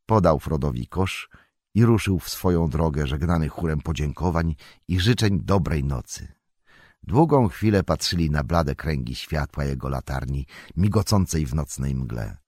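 A man narrating an audiobook in a measured, expressive storytelling manner. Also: rumbling low, husky, no echo, studio quality.

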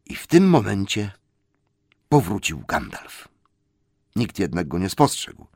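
Expressive low-voiced male storyteller. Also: unhurried, creaky, breathy edge, no echo, clean studio sound. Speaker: audiobook narrator. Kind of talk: scripted narration.

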